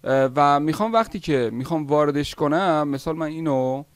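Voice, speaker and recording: A man teaching video editing software step by step in a screen-recorded tutorial, pausing often with "uh" as he explains. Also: on the high side, smooth, dry recording. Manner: step-by-step explaining, with frequent "uh" pauses.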